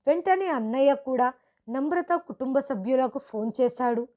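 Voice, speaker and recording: High-voiced woman narrating a story. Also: animated, moderate pace, darkish tone.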